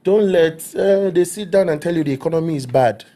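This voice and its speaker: A middle-aged man with a Nigerian accent talks as an interview guest. His voice sits somewhat high for a man, and he delivers his points emphatically, like a preacher. He keeps asking whether the listener follows him. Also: fairly quick, dark tone. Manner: emphatic, preaching, repeats himself with "do you understand me?". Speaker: actor guest. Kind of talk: interview talk.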